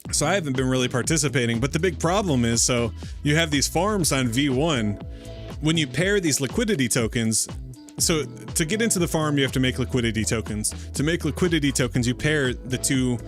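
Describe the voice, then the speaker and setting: Fired-up man rambling on a livestream. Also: medium pitch. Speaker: livestream host. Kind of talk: casual crypto livestream talk.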